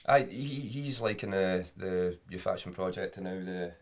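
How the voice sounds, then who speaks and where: A man's voice: low-pitched, normal speed. A man in his thirties with a West Lothian Scottish accent, chatting in an informal, rambling way as an interview guest. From Scotland. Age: 30s. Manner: informal, rambling, often adds "you know". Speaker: podcast guest, drummer. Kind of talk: casual chat.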